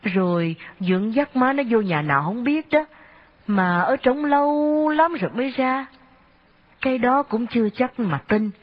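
A woman's voice: fairly high pitch, lively intonation, measured pace, voice pushed up. A woman voicing a tearful grieving humble man. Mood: sorrowful. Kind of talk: audiobook character reading. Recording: dull lo-fi audio.

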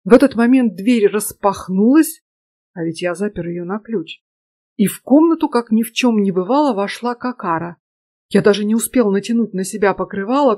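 Woman reading an audiobook, mellow tone. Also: medium pitch, no echo. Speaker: audiobook narrator. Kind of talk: scripted narration.

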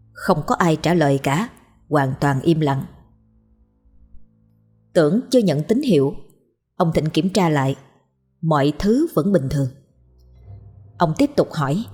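A woman narrates a ghost story in a measured, suspenseful way. Her voice is low and husky. Faint music plays softly under the reading. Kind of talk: scripted horror story narration.

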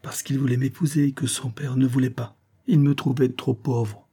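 A man's voice: mid-range voice, fairly even intonation, moderate pace, warm tone, slightly rough, pitched above the performer's own voice. A man reading aloud, voicing an anxious young woman who earnestly pleads for her fiancé. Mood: earnest pleading.

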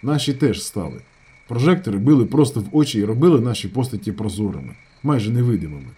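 A man reading a novel aloud as an audiobook narrator, with expressive, dramatic storytelling. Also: on the low side, fast talker, breathy edge.

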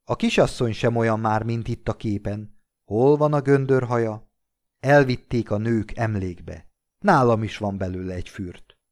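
A man voicing a wry elderly gentleman with a cane, teasing his old friend in an audiobook reading. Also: on the low side, lightly acted.

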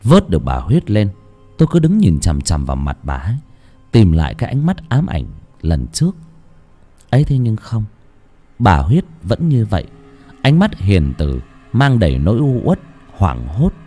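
Brief: male audiobook narrator, warm, dark tone, highly animated delivery. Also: normal speed. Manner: expressive storytelling with wide swings in pitch. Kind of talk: scripted horror story narration. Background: faint music.

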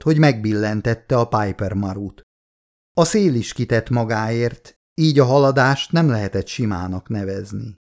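This is a man's mid-range voice reading a novel as an audiobook, his storytelling steady and measured.

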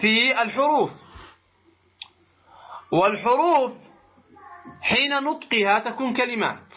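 A man teaching a tajweed lesson, explaining slowly and deliberately, pausing to pose rhetorical questions to his students. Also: high-pitched, husky. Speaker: Quran recitation teacher. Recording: muffled lo-fi recording.

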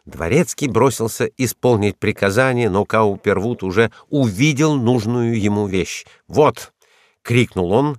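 Low-voiced male audiobook narrator. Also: dry recording, clean studio sound.

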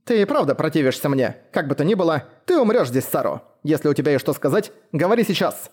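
A man voicing a proud, fiery young woman warlord who scolds and shouts insults. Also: on the high side, sing-song, fast talker, breathy edge. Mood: cold, stern. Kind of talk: audiobook character voice.

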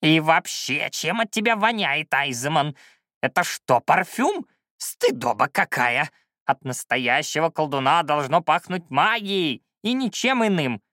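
A creaky, yelling old shaman. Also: a little high, sing-song, unhurried, no room sound, clean studio sound, pitched above the performer's own voice, full character voice. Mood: scolding. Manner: yelling, scolding. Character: scrawny old male shaman, cantankerous and loud. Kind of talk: audiobook character voice.

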